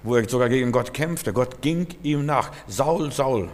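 A man's voice: mid-range voice, normal speed. A man preaching a sermon in German, earnest and repetitive, speaking straight to the listener. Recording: long reverb, hall.

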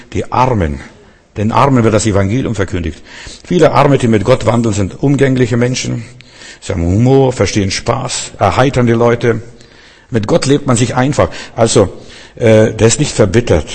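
A man's voice: on the low side, a little mellow, husky, big-room sound. A man preaching a sermon in a rambling way, often restarting his sentences and speaking to the listener directly.

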